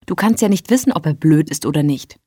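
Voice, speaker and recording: Practical, teasing woman, in the reader's own voice; curt, low and mellow, audiobook. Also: animated, fast talker, husky, no room sound, studio quality. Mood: brisk. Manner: curt, matter-of-fact.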